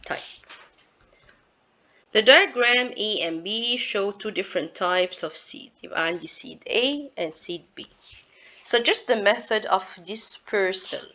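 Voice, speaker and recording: A woman's voice: mid-range voice, lively intonation, moderate pace, bright, forceful tone. A woman teaching science, walking through exam answers step by step and asking her students rhetorical questions. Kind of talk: exam walkthrough lesson.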